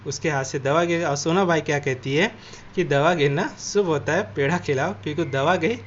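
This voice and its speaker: A man's voice: on the high side, normal speed. A man teacher reads a textbook passage aloud, then explains it line by line and glosses the harder words. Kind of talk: reading and explaining a textbook lesson. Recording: dull lo-fi audio with faint noise.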